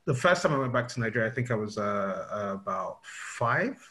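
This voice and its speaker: A London-accented British man in his fifties conducts an interview over a video call from a room at home, picked up by his webcam. His fairly low voice swings widely in pitch and comes out quick, pushed and bright, with many fillers and restarts.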